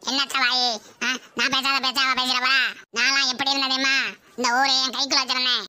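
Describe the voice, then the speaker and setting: Woman voicing a boastful old village mother, Tirunelveli Tamil accent, squeaky high cartoon voice, dry sound. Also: little pitch movement, fast, bright, forceful tone, clean tone, no room sound. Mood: aggrieved. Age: older. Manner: scolding, boastful. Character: older village woman, proud, quarrelsome mother.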